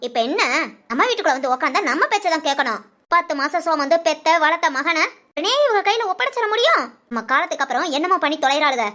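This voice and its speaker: Older mother-in-law, cartoon, scheming, scolding, Tamil village speech, high bright voice. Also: heavily acted. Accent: Tamil Nadu village speech. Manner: scolding, nagging.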